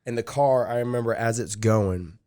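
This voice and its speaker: A young man's medium-pitched, somewhat mellow voice moves at a moderate pace as he shares a long personal tale. He's a podcast guest in a casual chat, wandering off track and using plenty of "like" and "dude."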